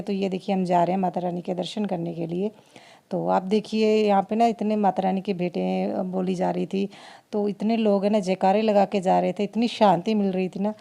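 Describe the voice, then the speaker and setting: A woman's voice: mid-range voice, creaky, mellow. A woman, chatting through a family vlog in a rambling, heartfelt way. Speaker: family vlogger. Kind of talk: casual vlog narration.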